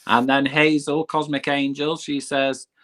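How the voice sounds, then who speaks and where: A man's voice: a little high, flat delivery, measured pace, fairly bright tone. Easygoing male podcast guest. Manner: easygoing, laughs often, self-deprecating. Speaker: guest, van camping vlogger. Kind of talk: casual podcast interview.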